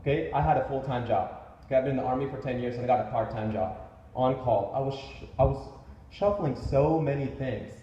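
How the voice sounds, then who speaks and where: Energetic man preaching in an echoey hall. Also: medium pitch, a little fast, slight background noise. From Indian heritage. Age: late 20s. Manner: animated, joking, preachy. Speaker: motivational speaker at a business event. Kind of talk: motivational stage speech. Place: large indoor event hall. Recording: echoey event hall, dull sound.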